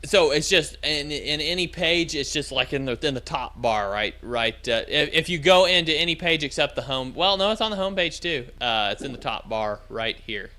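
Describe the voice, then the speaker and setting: The host of an amateur radio livestream chats casually, agreeable and jokey and quick to chuckle. His voice is a little high, expressive, pushed and bright.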